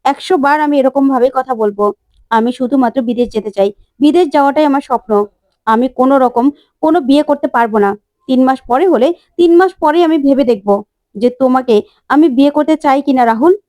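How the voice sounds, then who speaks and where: Titli, a headstrong young bride who snaps and scolds in a high, quick voice, as a woman storyteller puts her on. She sounds mellow and dry, as in a retold TV serial. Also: no echo, natural voice. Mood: defiant. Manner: defiant, scolding, shouting demands. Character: headstrong young bride set on going abroad.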